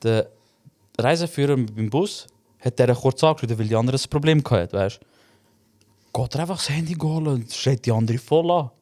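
A young man with a Swiss German accent tells a story in a casual podcast conversation, speaking fairly quickly at a medium pitch. He's an animated storyteller who acts out the voices in the dialogue he quotes.

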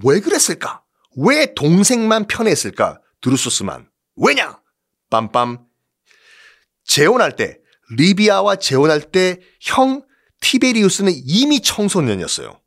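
Animated male history storyteller. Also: high voice, normal speed. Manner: playful and theatrical, asks rhetorical questions, acts out voices.

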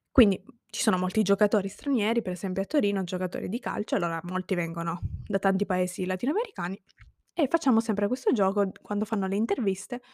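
A woman from Sicily talks straight to camera in an earnest, reflective monologue, weighing her thoughts as she goes. Her voice sits at an ordinary middle pitch, and the recording is dry and close, with no room sound. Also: darkish tone, dry recording. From Sicily, Italy. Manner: earnest, reflective, thinking aloud. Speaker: vlogger. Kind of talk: personal monologue.

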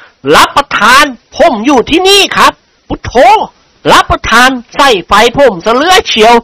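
A man voicing a flustered young male servant who protests loudly and deferentially. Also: very high voice, expressive, moderate pace, no room sound, voice pushed up, heavily acted. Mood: protesting.

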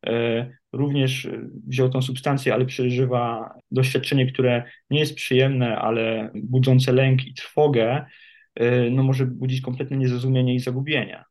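A man in the role of an addiction therapist answers questions as a guest. He speaks in a steady, nearly monotone voice, and he thinks aloud with frequent hesitations. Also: medium pitch. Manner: measured and reflective, many hesitation fillers. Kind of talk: interview guest.

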